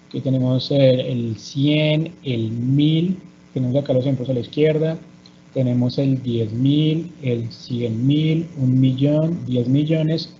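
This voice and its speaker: A man teaches English numbers in a bilingual class. He has a mellow, dark voice and explains patiently, often checking in with the students. The recording is dull and lo-fi, with a faint hum behind it. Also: medium pitch.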